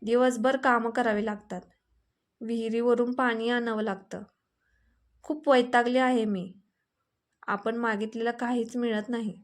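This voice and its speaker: A woman voicing a spoiled, sharp-tongued young wife in a storybook reading, snappy and complaining. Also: fairly high pitch, fairly even intonation, unhurried, long pauses, close to an everyday voice. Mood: sulky.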